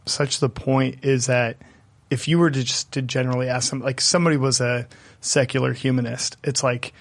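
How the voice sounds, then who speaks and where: A man's voice: medium pitch, little pitch movement, normal speed, gravelly, dry recording. A man co-hosting a podcast who asks questions and keeps chiming in with short agreements. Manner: affirming, frequent short agreements. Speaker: podcast co-host, interviewer. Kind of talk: casual podcast discussion.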